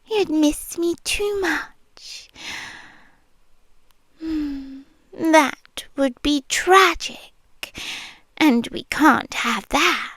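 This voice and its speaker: Heavily acted and with no room sound, this F4M ASMR roleplay has a British woman voicing a young nurse who is obsessive and possessive, creepy yet sweet. She whispers in a high, soft, breathy voice, very slowly and close to the ear, teasing and sweetly controlling.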